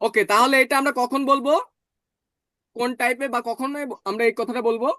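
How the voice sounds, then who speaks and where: A man teaching German in an online class, explaining patiently and slowly repeating words. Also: very high voice, fairly even intonation, sharp tone, no room sound, studio quality.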